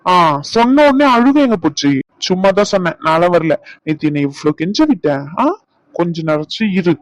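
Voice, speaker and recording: A man's voice: high-pitched, normal speed, dry recording, lightly acted, rough recording. A man voicing a teasing, bossy young husband in a cartoon, scolding in banter. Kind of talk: cartoon voice acting.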